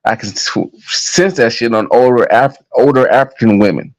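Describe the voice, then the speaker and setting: A man's voice: medium pitch, moderate pace, rough recording. An American man in his thirties talking to his viewers in a casual, heated monologue, blunt and full of profanity. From United States. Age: 30s. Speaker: vlogger.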